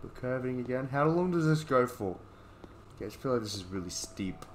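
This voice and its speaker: A man's voice: medium pitch, lively intonation, a little fast, a little hiss or hum. A young man giving profane, jumpy running commentary while playing a horror game. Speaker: gaming video creator. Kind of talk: let's play commentary.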